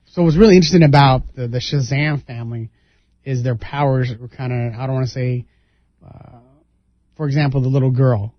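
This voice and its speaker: A man co-hosting a casual movie review chat, talking excitedly with many fillers as he retells scenes. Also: medium pitch, a little fast, no echo. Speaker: podcast co-host. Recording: dry, slightly dull sound.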